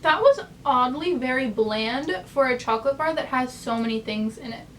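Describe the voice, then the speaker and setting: A woman's voice: high voice, normal speed, recorded from a distance, slight background noise. A young American woman vlogging casually from her bed, rambling chattily with lots of fillers. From United States. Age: young adult. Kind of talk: casual chat. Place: in bed, bedroom.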